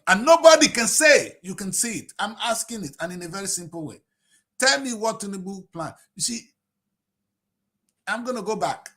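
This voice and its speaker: Nigerian man, fifties, fairly high voice, fiery tv commentary, rhetorical, loud then muttering. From Nigeria (Delta State). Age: 50s. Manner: fiery and rhetorical, swings between shouting and low mutters. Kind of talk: impassioned political commentary.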